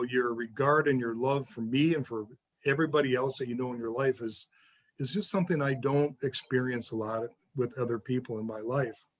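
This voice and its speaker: A man speaking with halting emotion and gratitude as a guest on a video call. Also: mid-range voice.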